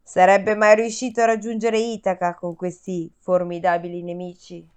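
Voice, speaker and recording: A woman's voice: on the low side, monotone, normal speed, darkish tone, smooth. A woman reading a myth aloud in a casual chat, breaking off for wry, teasing comments. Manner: wry, teasing comments between read passages. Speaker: podcast host reading a story aloud. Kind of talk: reading a story with casual asides.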